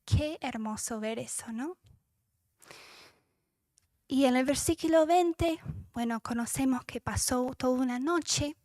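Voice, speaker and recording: A woman with a high voice leads a devotional Bible teaching. She reads scripture aloud, now and then sinking to a whisper, and speaks with feeling, stopping to correct herself. The sound is dry and close, with no room around it. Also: slow, long pauses, a little mellow, dry recording. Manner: emotional, with self-corrections.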